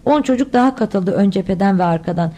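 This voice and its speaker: Her voice is medium-pitched, mellow and expressive as she moves at a quick pace through a children's adventure novel. It's a scripted audiobook, and she performs all the characters on her own.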